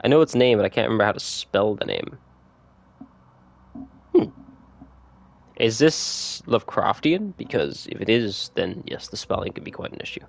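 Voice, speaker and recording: A man chatting casually with viewers on a gaming livestream, laid-back and quick to laugh. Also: fairly low pitch, vocal fry. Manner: relaxed, chatty, laughs often, reads notes aloud. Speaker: streamer.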